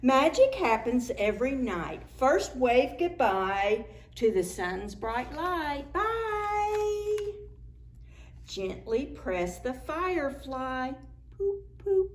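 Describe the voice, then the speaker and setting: This high-voiced children's librarian draws out her words as she reads picture books to a preschool story-time group. Her delivery is animated and sing-song, broken up by quiet whispers.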